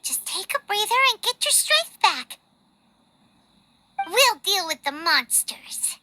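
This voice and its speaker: Squeaky little fairy companion. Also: female voice, sing-song, slow pace, sharp tone, a little hiss or hum, exaggerated voice. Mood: concerned, reassuring. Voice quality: squeaky, childlike. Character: small childlike floating fairy companion, squeaky, caring, chatty. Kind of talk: video game dialogue acting. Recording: game music faintly behind.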